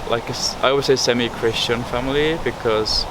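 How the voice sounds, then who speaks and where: A man's voice: mid-range voice, fairly even intonation, a little fast. A young man from Estonia giving thoughtful, rambling answers in an interview, full of fillers and restarts. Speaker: research interviewee. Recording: loud background noise, urban outdoor hum.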